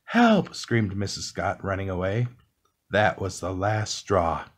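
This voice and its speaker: A man reading a children's book aloud as calm bedtime narration, soft and unhurried. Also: deep voice. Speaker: storybook reader.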